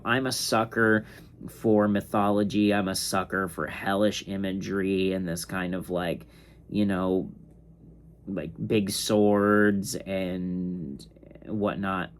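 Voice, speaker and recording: Slow, sleepy young man rambling about comics. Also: low-pitched, fairly even intonation. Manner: slow, rambling, filler-heavy. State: sleepy, yawning. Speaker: comics reviewer. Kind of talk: casual ranking monologue.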